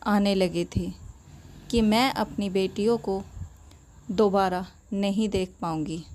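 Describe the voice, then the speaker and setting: A woman narrating a sad story in the first person, in a slow, emotional telling. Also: mid-range voice, darkish tone, slight background noise.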